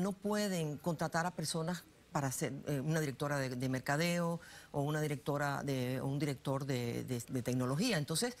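A Cuban-born woman in her sixties telling her life story as a guest in a TV studio interview, chatty and full of fillers and restarts, on a lapel mic. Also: fairly low pitch. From Cuba. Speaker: guest, political analyst.

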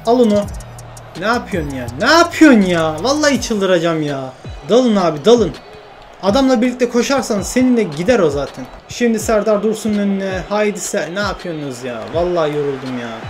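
A young man commentating his own football video game play, shouting at teammates between frustrated and joking remarks. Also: high voice, animated, a little fast, faint music behind. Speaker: gaming YouTuber.

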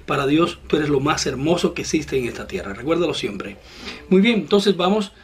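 A man's voice: on the high side, expressive, husky. Encouraging man teaching guitar. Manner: patient, encouraging, speaks directly to the student; slow, step-by-step instruction. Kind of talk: online guitar lesson. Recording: loud guitar playing behind the voice.

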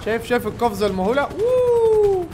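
A man with an Egyptian accent giving excited gameplay commentary, yelling at the game's characters. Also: very high-pitched, fast talker, noisy background. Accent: Egyptian Arabic. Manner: excitable, yells at game characters. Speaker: gaming YouTuber.

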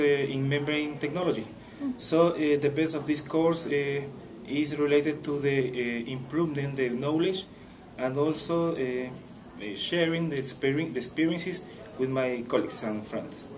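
A man's voice: medium pitch, background noise. A man from Ecuador giving a hesitant testimonial to camera, with many fillers. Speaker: course participant.

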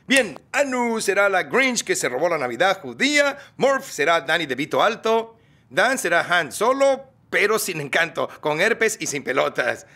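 A man running a script meeting in a comedy sketch, handing out absurd roles in a brisk, deadpan way. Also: high voice. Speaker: writer leading a script meeting. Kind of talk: comedy sketch, Spanish dub.

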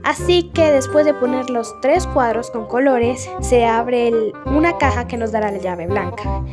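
Woman, gaming YouTuber, story analysis commentary, high-pitched, chatty, jokey asides, faint background music. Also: a little slow.

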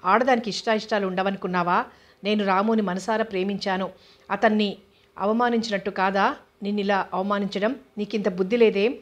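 A cornered young wife who fights back with sharp scolding, as a woman narrator reads her. The voice stays close to the reader's own, even and narrow. It sounds like a storybook heroine told aloud. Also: medium pitch, brisk, close to an everyday voice. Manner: pleading then fiercely scolding. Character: frightened, defiant young wife.

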